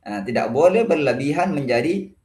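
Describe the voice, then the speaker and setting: A man's voice: medium pitch, lively intonation, normal speed, a little mellow. A man teaching Quran pronunciation with an Indonesian accent, explaining patiently and demonstrating letter sounds by repeating syllables. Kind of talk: religious lesson on pronunciation. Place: mosque hall. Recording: echoey mosque room.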